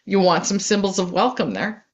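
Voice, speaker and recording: A woman's voice: medium pitch, normal speed. Chatty woman on dull audio. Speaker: co-host. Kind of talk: casual live-stream chat.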